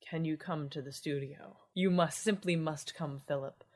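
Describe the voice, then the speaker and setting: A woman's voice: low-pitched, fairly even intonation, moderate pace. A woman voicing a despairing young man on the phone in dead, hopeless tones.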